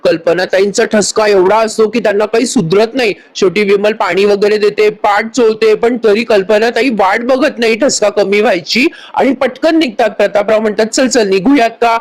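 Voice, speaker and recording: A woman's voice: medium pitch, moderate pace, hardly any pauses, low-quality recording. A woman narrating a TV serial recap, chatty and speaking to viewers. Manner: chatty, addresses viewers directly.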